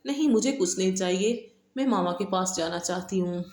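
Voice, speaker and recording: A woman voicing a distraught young woman who shouts and accuses in an audiobook novel reading. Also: mid-range voice, reverberant, lightly acted. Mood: anguished, furious.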